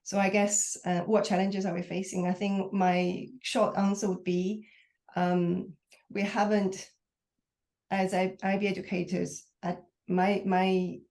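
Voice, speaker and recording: A woman speaking on an academic panel, a little hoarse after being ill, hesitant with many pauses and fillers. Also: fairly low pitch, dark tone. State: hoarse after recent illness. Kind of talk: panel discussion remarks.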